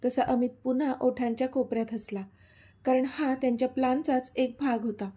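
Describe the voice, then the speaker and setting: A woman narrating a serialized story in a steady, expressive storytelling manner. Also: sits high, a little fast, husky.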